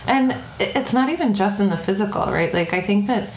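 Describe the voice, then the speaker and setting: A woman from the Bronx, New York, with a mid-range, lively voice and a fairly quick pace, talks reflectively as a podcast guest in a conversational interview, often saying "like" and "right?". The room is echoey, with faint noise.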